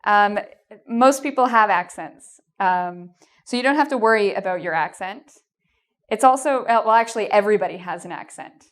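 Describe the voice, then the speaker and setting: An English teacher, a woman with a Canadian accent, delivers exam tips in a video lesson at normal speed, her medium-pitched voice expressive and a little bright. Her manner is encouraging and reassuring, marked by frequent "um" and "okay?"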